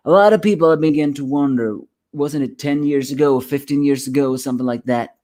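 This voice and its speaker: A man's voice: medium pitch, a little mellow. A man giving a rambling solo review of a manga chapter, sleepy and yawning, often restarting his words.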